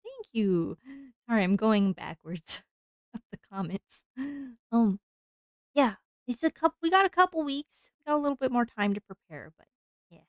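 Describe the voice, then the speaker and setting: A woman's voice: on the high side, expressive, normal speed, pauses often, no room sound, studio quality. A woman streamer chatting casually while she draws, rambling along with lots of fillers and frequent laughter.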